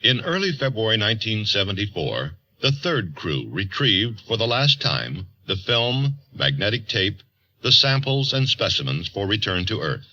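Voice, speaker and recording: A man reading formal, deliberate scripted narration for a 1970s documentary. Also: fairly low pitch, big pitch swings, pushed and bright, no room sound. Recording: dry, dull old film soundtrack.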